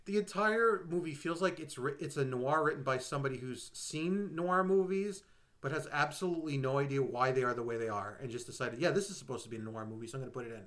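A man's voice: mid-range voice, quick pace, fairly bright tone. A man co-hosting a movie podcast, rambling through an exasperated, casual critique of a film. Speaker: podcast co-host. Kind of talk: casual movie review chat.

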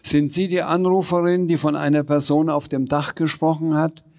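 A man's voice: on the high side, flat delivery, moderate pace, a little mellow, pitched above the performer's own voice, lightly acted. A laid-back, chatty fire dispatcher from a storybook, drawling and unbothered, as a man reading aloud plays him. He takes his time and sounds mildly amused. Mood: matter-of-fact.

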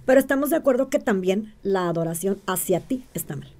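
A woman with a medium-pitched, slightly mellow voice speaks a bit quickly and with animation. She's an interview guest who calls herself a witch, explaining things while frequently checking in with the listener and posing rhetorical questions.

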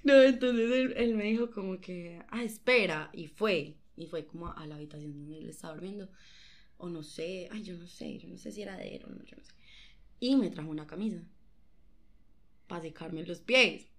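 A woman's voice: lowish voice, normal speed. Giggly young Colombian woman telling a story. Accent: Colombian Spanish. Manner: giggly, animated storytelling with slang. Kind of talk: casual chat.

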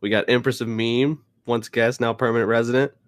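A man hosting a podcast casually, talking informally and haltingly as he feels his way through phrases. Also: mid-range voice, little pitch movement, no echo. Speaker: podcast host.

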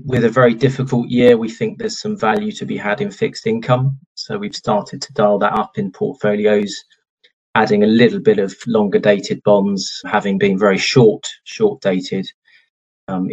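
Gravelly, husky man, lower-pitched. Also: a little mellow. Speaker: investment expert guest. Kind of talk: conversational investment commentary. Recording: dull, lo-fi audio.

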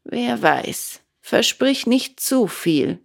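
A woman voicing a wise, poor old woodcarver father who speaks low and admonishing. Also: very animated, very slow, gravelly, full character voice. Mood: gentle.

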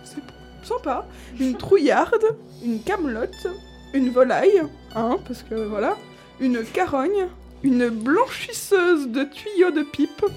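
A woman's voice: high-pitched, big pitch swings, slow, darkish tone, soft background music. A woman host in casual chat, listing old slang words with amusement and frequent laughs.

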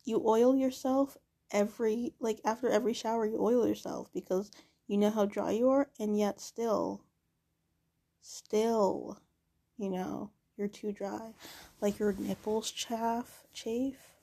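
A woman's voice: medium pitch, fairly even intonation, slow pace, gravelly, warm tone. A young woman talking to herself in a casual, rambling diary monologue, full of filler words and swearing. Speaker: vlogger.

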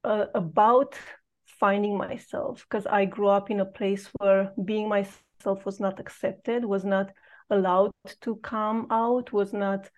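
Speaking as a podcast guest, a late-thirties woman from Romania shares her own story in a reflective, halting manner full of pauses. Her mid-range voice stays level and has a somewhat dark tone.

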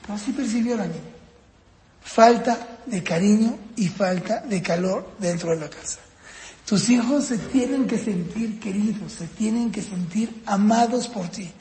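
A man leads a parenting class, telling stories and asking his listeners questions. His voice sits very high. It rings out with the echo and long reverb of a large hall. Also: a little slow, a little hiss or hum. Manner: animated storytelling with questions to the audience. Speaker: parenting course instructor. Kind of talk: lecture to parents.

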